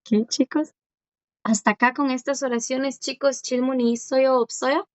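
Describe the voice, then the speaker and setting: A woman's voice: high voice, fairly even intonation, measured pace, no echo. A woman teaching a class, patiently explaining and repeating, often checking that the students follow along. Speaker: language teacher. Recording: dry, dull lo-fi sound.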